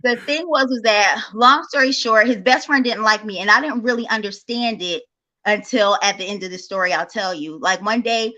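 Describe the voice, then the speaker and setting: A woman's voice: medium pitch, normal speed, bright, forceful tone. A woman with a cartoon-like voice, chatting casually and animatedly as a call-in guest telling personal stories. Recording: slightly dull, lo-fi call audio.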